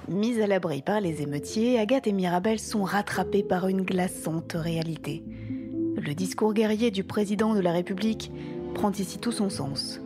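An actress playing a composed, literary documentary narrator, reading scripted French narration. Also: female voice, medium pitch, normal speed, over music, close to an everyday voice. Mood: grave.

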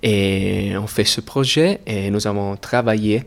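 An Italian actor with an Italian accent, answering interview questions in slow, halting French while searching for words. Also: male voice, fairly low pitch, creaky. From Italy.

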